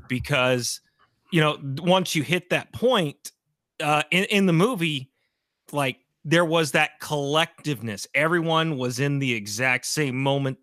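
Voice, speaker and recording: Male podcast co-host, bright edgy voice, halting and filler-heavy, dry recording. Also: mid-range voice, dry recording. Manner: halting, thinking aloud with fillers. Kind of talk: casual podcast chat.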